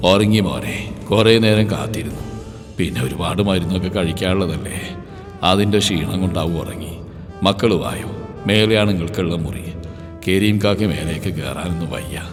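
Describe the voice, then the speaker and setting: A man voicing an elderly, gentle male house caretaker who talks softly and slowly, like a father. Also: low-pitched, voice pushed down, close to an everyday voice. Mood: weary kindly. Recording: reverberant with music underneath.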